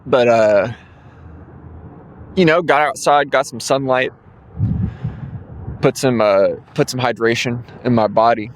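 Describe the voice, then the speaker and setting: A man's voice: mid-range voice, unhurried, pauses often, slight background noise. A man, hosting his own podcast alone. He rambles loosely with plenty of ums and yawns now and then. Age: 20s. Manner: rambling, full of fillers, yawning. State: drowsy, yawning. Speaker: podcast host. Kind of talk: casual solo podcast monologue.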